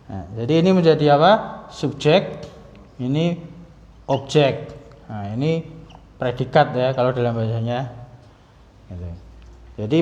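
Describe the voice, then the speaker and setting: A man leads an Arabic lesson in a mosque. He explains each point step by step and keeps asking his students questions. His voice sits a little high, heard with long reverb through a dull, lo-fi recording. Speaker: Arabic teacher. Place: mosque hall. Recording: echoey hall, dull lo-fi sound.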